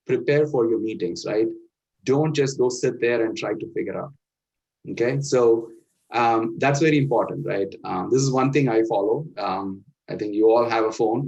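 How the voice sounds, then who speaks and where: This middle-aged man from India has a medium-pitched, somewhat dark voice with a breathy edge and an Indian accent, and an Indian language is his mother tongue. In this motivational talk he offers earnest, instructive career guidance, regularly checking in with "right?". The sound quality is dull and lo-fi.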